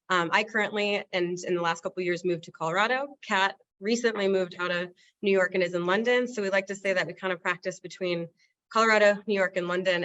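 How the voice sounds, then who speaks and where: A woman's voice: fairly low pitch, fairly bright tone, dull audio. A woman in her thirties from the United States, speaking as an architect in a conversational interview. She talks in an upbeat, chatty way and laughs while she speaks. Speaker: architect, studio co-founder.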